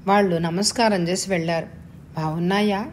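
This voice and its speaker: A woman reading a story aloud as narrator in a steady, measured way. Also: on the low side, a little hiss or hum. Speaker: story reader.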